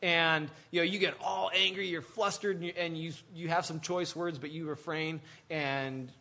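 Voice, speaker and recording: A male pastor preaching a sermon in an animated, conversational way, full of restarts and asides. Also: on the high side, normal speed, creaky.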